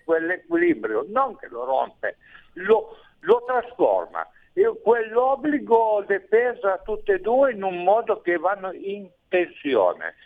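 Guy calling in to a radio show over a phone line, slow, bit high, keeps correcting himself. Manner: rambling, hesitant, self-correcting. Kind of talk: call-in comment on a radio show.

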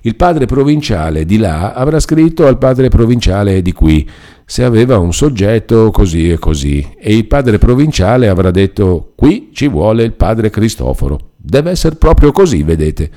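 A talkative older friar rambles on, a bit self-important, explaining and reassuring, voiced by a man reading a classic novel. The voice is set above the reader's own, with a dark, mellow tone. It sounds like an audiobook character. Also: lowish voice, very animated, normal speed, voice pushed up.

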